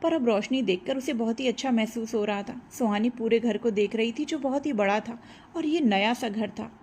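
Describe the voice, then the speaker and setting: A woman narrating a romance audio serial in a steady storytelling manner, voicing every character herself. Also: a little high, normal speed, a little hiss or hum.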